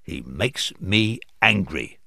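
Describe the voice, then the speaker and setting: A man reading aloud voices a kind, cheerful young nephew with a raised, bright delivery. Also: deep voice, expressive, slow pace, vocal fry, slightly rough, dry recording, studio quality, voice pushed down, exaggerated voice. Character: male kindly Cheerful nephew Fred.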